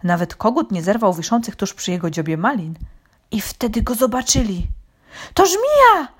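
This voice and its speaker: Woman, children's story reading, gentle, expressive. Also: mid-range voice, a little fast, breathy edge.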